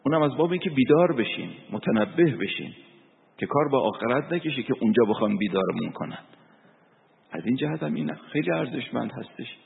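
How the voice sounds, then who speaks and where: A man's voice: medium pitch, animated, creaky. A man giving a sermon as a cleric, telling stories and reciting verse and scripture. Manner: storytelling preacher, recites verse and Quran. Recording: tinny phone-like sound with long reverb.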